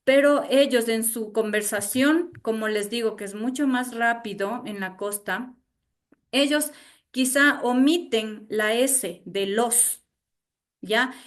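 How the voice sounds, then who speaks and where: A woman with an Ecuadorian highland accent teaching an online class, repeating herself and checking in with her students. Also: slow pace. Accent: Ecuadorian highland Spanish. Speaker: university teacher. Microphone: video call.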